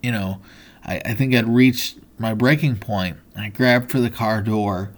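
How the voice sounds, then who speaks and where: A man's voice: lowish voice, unhurried. A man hosting a podcast, telling a personal story in an earnest, motivational way, with many fillers and restarts. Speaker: podcast host.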